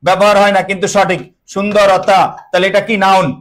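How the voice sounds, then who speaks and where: A man's voice: high-pitched, flat delivery, fast talker, rough recording. A young male teacher, giving an online class. He keeps asking his students questions and answering them himself, and he mixes English words into his speech.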